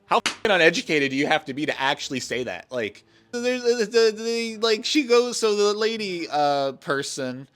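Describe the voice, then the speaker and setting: A man's voice: high voice, big pitch swings, moderate pace, fairly bright tone, clear, resonant tone, faint music behind. A man giving a ranting movie review vlog, exasperated and sarcastic, with swearing.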